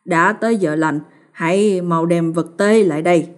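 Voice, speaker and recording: A woman's voice: on the low side, moderate pace, close to an everyday voice. A woman reading the part of a stern old male village shaman in a storybook ghost tale, speaking in harsh, commanding orders. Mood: solemn.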